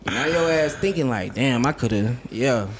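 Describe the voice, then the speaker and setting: A man chatting casually and telling animated, rambling stories full of slang and repeated words, as an artist being interviewed. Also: mid-range voice, moderate pace, background noise.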